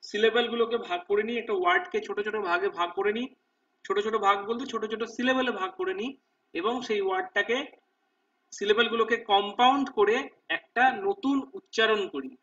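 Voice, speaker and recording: A man teaching exam preparation, reading English answer options slowly and explaining them, often checking "okay?" with listeners. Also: sits high, fairly bright tone, far from the mic, muffled recording. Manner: reads English options slowly, explains in Bengali with repeated "ঠিক আছে?". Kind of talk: Bengali lesson walking through multiple-choice questions.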